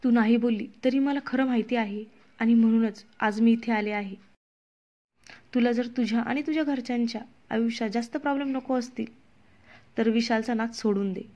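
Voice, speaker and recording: Jealous young woman, scornful and accusing, read by a woman narrator, fairly high voice, slightly dull recording. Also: steady tone, fairly quick, darkish tone, close to an everyday voice. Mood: cold.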